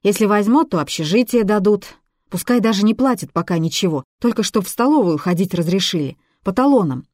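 A woman reading aloud, voicing a stubborn, defensive runaway teenage girl who argues in loud, indignant bursts. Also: mid-range voice, lively intonation, a little fast, dry recording, clean studio sound, pitched above the performer's own voice, natural voice. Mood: eager.

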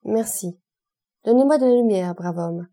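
A woman's voice: medium pitch, moderate pace, dark tone, natural voice. A woman reading the part of a commanding aristocratic count in an audiobook, imperious, dry and mocking toward his servant. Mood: cool commanding. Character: commanding aristocratic male count, cool and ironic.

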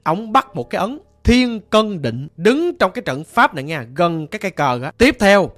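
Animated Southern Vietnamese ghost-story teller. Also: mid-range voice. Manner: lively, chatty, chants incantations slowly.

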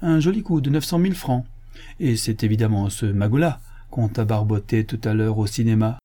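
A man's voice: lowish voice, moderate pace, warm tone, lightly acted. A man voicing a brusque, dogged police inspector in an audiobook, insistent in manner. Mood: stern. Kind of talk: audiobook character voice.

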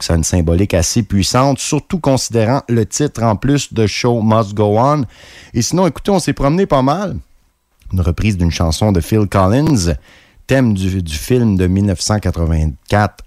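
Man, radio music host, very low voice, dry close studio sound, eager delivery. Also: a little mellow, dry recording. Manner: enthusiastic, pitch jumping up on key words. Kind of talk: radio music show presenting.

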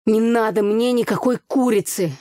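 A sulky teenage boy, played by a woman narrator, barking short, rude retorts. Her voice is mellow and a little raised, recorded close and dry for an audiobook. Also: fairly low pitch, moderate pace, breathy edge, no echo. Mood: snapping, sulky. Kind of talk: audiobook character voice.

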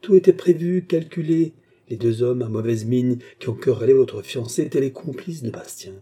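A man's voice: medium pitch, expressive, moderate pace, mellow, husky. A man voicing a scheming baronet villain who poses as a kind benefactor, talking in an earnest, persuasive way in a French audiobook novel.

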